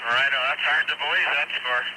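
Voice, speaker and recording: A man's voice: a little high, steady tone, a little fast. A man speaking as an astronaut in terse exchanges over a spacecraft radio. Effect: spacecraft radio transmission. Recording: very noisy, hissy spacecraft radio link.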